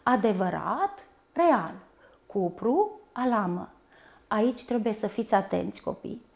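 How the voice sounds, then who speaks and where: A woman teaching a primary school lesson, speaking slowly and carefully and spelling words out syllable by syllable. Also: medium pitch, expressive, vocal fry, darkish tone.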